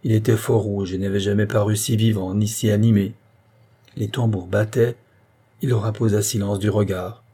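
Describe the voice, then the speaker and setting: A man reading a classic novel aloud as an audiobook narrator, in a measured, dramatic delivery. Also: on the low side, little pitch movement, warm tone, husky. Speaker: audiobook reader. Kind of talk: scripted literary narration.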